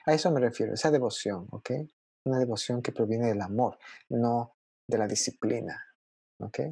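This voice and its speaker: Male preacher, young adult, husky and gravelly, expressive conversational sermon, dry recording. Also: medium pitch, normal speed, dry recording.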